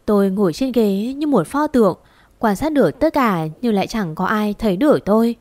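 A woman tells a sad first-person story in a slow, mournful voice. Her pitch sits in an ordinary middle range. The recording is close and completely dry, with no room sound at all. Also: animated, a little mellow, no room sound.

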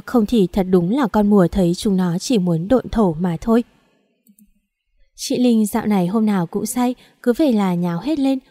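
A woman reads an audiobook novel aloud in a steady, even manner. Her voice is warm and mellow. The recording is close-miked and dry. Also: medium pitch, dry recording. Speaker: audiobook narrator. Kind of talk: scripted narration.

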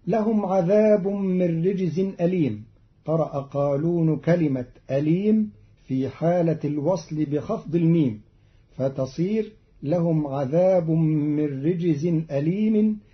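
A man, a Quran reading scholar, giving a formal scripted explanation of recitation variants in a measured, precise way, quoting verses in a chanted lilt. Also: fairly high pitch. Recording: dull old radio archive recording.

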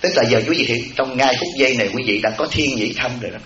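A Buddhist monk, the abbot of a temple, giving a dharma talk in a folksy way, acting out everyday voices and often asking "right?". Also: male voice, medium pitch, fast, background noise. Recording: echoey lo-fi hall recording with audience.

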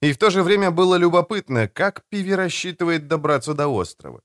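A man narrating an audiobook with expressive storytelling. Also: fairly high pitch, a little fast, dry recording, studio quality. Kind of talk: scripted narration.

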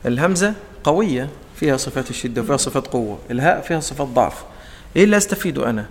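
A man's voice: mid-range voice, expressive, rapid-fire, long reverb tail, slight background noise. A man with an Egyptian accent teaching Quran recitation, asking his own questions and acting out the sounds. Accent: Egyptian Arabic. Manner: asks his own questions and answers them, demonstrates sounds. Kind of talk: explanatory lesson in colloquial speech.

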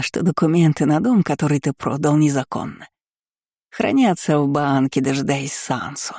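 A woman voicing a furious, scheming middle-aged baroness who talks in a slow, shrill and cutting way. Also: dark tone, no room sound, studio quality. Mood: gloating.

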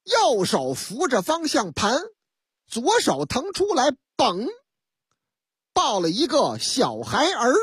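A woman's voice: on the high side, huge pitch swings, takes it slowly, breathy edge, dry recording. A woman radio host, telling a news story in a comic storytelling manner with set phrases and asides, on a studio microphone.

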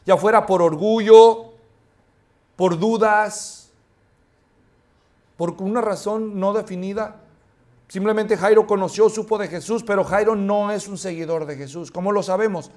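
A male pastor preaching a sermon, animated, acting out dialogue and asking the congregation questions. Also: sits high, a little slow, pauses often.

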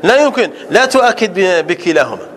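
A man with a very high, lively voice teaches a grammar lesson. He repeats example sentences and keeps quizzing his listeners as he explains. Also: a little fast. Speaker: Islamic scholar teaching grammar.

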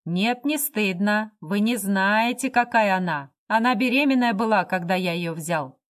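Woman reading, doing a rude drunk guy, loud and jeering, crude insults, storybook. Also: medium pitch, measured pace, lightly acted. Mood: contemptuous. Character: drunken insolent man, coarse and mocking.

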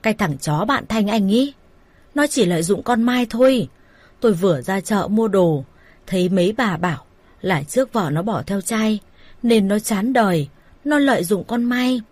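A woman voicing an angry, foul-mouthed middle-aged mother who scolds and curses her daughter in a raised, loud voice. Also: mid-range voice, animated, normal speed, breathy edge, dry recording. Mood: furious scolding.

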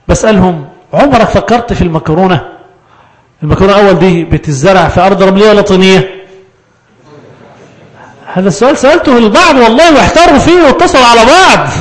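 A man with an Egyptian Arabic accent giving a religious lesson on Quran verses, lively and full of rhetorical questions. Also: sits high. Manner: animated, rhetorical questions, quick asides. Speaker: Quran teacher.

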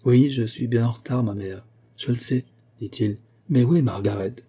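Male reader as earnest, evasive young man; dark, husky timbre. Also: medium pitch, moderate pace. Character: worried secretive young man.

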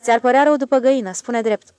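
A woman voicing a calm, self-satisfied older male station master in an audiobook, drawling and knowing. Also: fairly high pitch, dry recording, pitched above the performer's own voice, lightly acted. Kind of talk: audiobook character voice.

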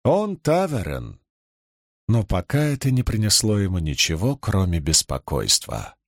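A man reading a fantasy novel aloud as an audiobook narrator, in slow, expressive narration with lively pitch swings. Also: dry recording, clean studio sound.

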